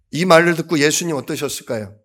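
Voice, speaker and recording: A male pastor preaching a sermon, acting out quoted lines with sudden loud outbursts and then dropping to a soft voice. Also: a little high, husky. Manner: dramatic, acts out quotes with sudden loud bursts.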